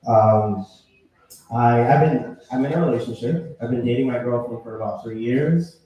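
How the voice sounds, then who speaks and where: A man's voice: mid-range voice, moderate pace, dull audio. Man doing stand-up in an echoey bar. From Puerto Rican. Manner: deadpan storytelling with sudden shouted outbursts. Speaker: stand-up comedian. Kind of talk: open mic stand-up set. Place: small bar with live audience. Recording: echoey bar room, mic heard from a distance.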